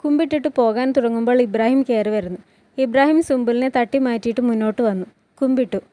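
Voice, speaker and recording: A woman storyteller recapping a TV drama in a plain, steady retelling voice on a close mic. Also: fairly high pitch, fast, no echo.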